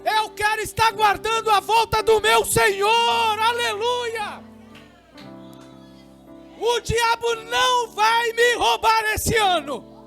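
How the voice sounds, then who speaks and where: A Brazilian man preaching a sermon at a church service, swinging between quiet talk and shouting with fervor. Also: very high voice, steady tone, slow, creaky, soft background music. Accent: Brazilian Portuguese. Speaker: pastor.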